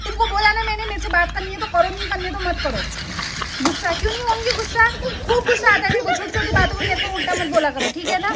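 Brief: shrill, hot-tempered wife, very high and loud, a woman acting it out, in a noisy crowded room. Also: fast talker, a loud crowd. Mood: loud scolding. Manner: shouting, scolding, defiant. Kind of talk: comedy skit.

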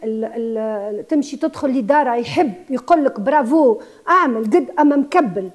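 A woman's voice: fairly high pitch, expressive, normal speed. A Tunisian woman in her sixties who runs a guesthouse, speaking with passion as a TV interview guest and mixing in French words. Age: 60s. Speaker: guesthouse owner.

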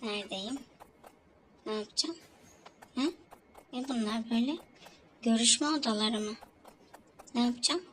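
Slow-talking woman narrating her gameplay. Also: a little high, fairly bright tone, slight background noise, poor audio. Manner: talks to herself and the game, jumpy exclamations. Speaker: gamer. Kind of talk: let's play commentary.

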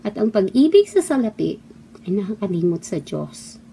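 A woman's voice: mid-range voice, big pitch swings, moderate pace, creaky, dark tone, a little hiss or hum. A middle-aged woman from the Philippines, a former actress, delivering a heated, scolding monologue full of mocking rhetorical questions. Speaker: former actress giving opinions. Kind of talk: impassioned monologue. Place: abroad, away from the Philippines.

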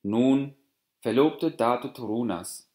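A man's voice: mid-range voice, sing-song, measured pace, a little mellow. A man doing sneering envious aunts. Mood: mocking. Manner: scornful, taunting. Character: group of mocking, envious women. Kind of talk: audiobook fairy tale reading. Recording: roomy echo.

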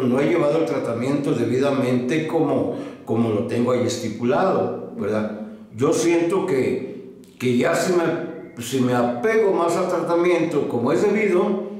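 A Mexican man in his sixties gives a patient's testimonial in an interview, hesitating often with many fillers and restarts. His voice is mid-range and a little mellow, recorded in a small, echoey medical office with faint noise.

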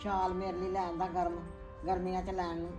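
A woman playing a stubborn older mother in a family drama, sulky and sharp-tongued. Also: fairly low pitch, monotone, fairly quick, faint music behind, natural voice. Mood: indignant. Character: stubborn aging mother, easily offended. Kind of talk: scripted village family drama.

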